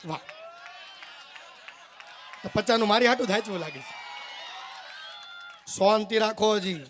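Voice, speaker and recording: Male folk comedian, high voice, teasing live storyteller. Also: unhurried, fairly bright tone, some chatter behind, a little hiss or hum. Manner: joking, teasing the audience directly. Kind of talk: live comic storytelling to an audience.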